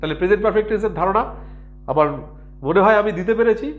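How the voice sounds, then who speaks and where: A man's voice: high voice, fast talker, phone-quality sound. A man teaching grammar, patient and repetitive, often checking whether his students follow. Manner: patient, repeats words and asks if students understand. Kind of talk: explanatory lesson.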